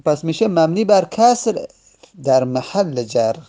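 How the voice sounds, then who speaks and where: A man teaching a grammar lesson patiently, repeating each word form several times, his pace slowing and rushing by turns. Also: a little high, sing-song, mellow. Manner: uneven pace, stretches some words and rushes others.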